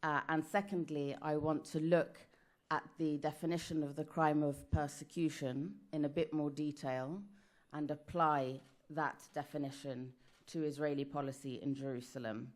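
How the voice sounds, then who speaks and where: British woman, low voice, slow careful conference talk. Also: fairly even intonation. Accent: British English. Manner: measured and careful, speaks slowly. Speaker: panelist. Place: conference hall.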